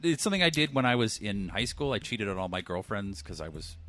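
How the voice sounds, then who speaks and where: A man's voice: fairly low pitch, fast talker. A man hosting a live radio show, chatting casually, swearing freely and laughing often. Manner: profane, excitable, laughs often.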